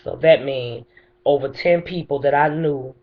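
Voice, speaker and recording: A woman's voice: sits low, measured pace, phone-quality sound. A middle-aged woman making an unscripted spoken appeal in a plain, insistent, emphatic way. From Chicago, USA. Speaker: bereaved mother addressing the mayor.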